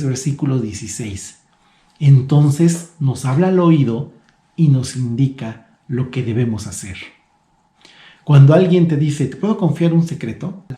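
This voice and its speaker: A man in his thirties preaching a soft, earnest, reflective devotional sermon. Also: a little high, reverberant.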